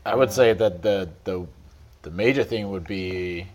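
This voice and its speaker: A man's voice: low-pitched, measured pace. A man, a guest on a podcast, speaking casually and a little hesitantly. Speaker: podcast guest, guided angler.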